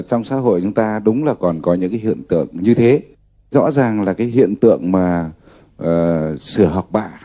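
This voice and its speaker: Guy teacher on a talk show, low dark voice, hesitant fillers. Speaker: expert guest, teacher. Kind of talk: studio discussion.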